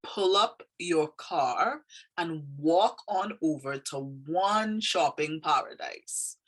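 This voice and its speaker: A Trinidadian poet with a faint Canadian tinge to her accent talks casually through the meaning of her poem, thoughtful and hesitant, with plenty of fillers. Her voice sits lowish, moves slowly, and has a lively intonation, though the recording quality is poor.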